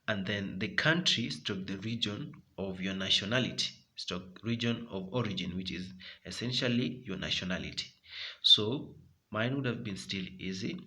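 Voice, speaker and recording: A man's voice: lowish voice, pushed and bright. A man with a Kenyan accent, walking viewers through a form step by step, repeating key points. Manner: repetitive, instructive, addresses viewers as guys. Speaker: tutorial presenter.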